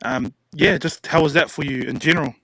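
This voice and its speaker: A man hosting a podcast in a relaxed, filler-heavy way, with a bright, slightly high voice. The sound is dry and close, with no room around it. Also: fairly quick, vocal fry, no echo, poor audio. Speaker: podcast host.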